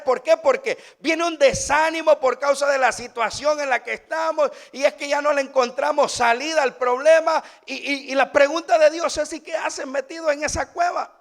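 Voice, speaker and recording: A man's voice: very high voice, vocal fry, a bit bright. A man, a pastor preaching a sermon with rhetorical questions and repeated phrases.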